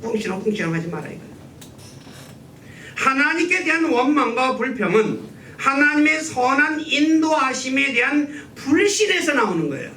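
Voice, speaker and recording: A man's voice: big pitch swings, measured pace, pushed and bright. A man preaching a sermon as pastor, asking the congregation questions and answering them himself. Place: church sanctuary. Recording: echoey church room, mic at a distance, faint rumble.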